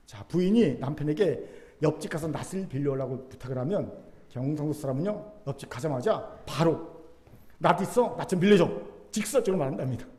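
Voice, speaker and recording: A man's voice: on the high side, mellow, big-room sound. A male pastor giving a Sunday sermon in a church, telling everyday stories and building to fervent exhortation. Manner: storytelling with everyday examples, rising to fervent exhortation. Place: church sanctuary.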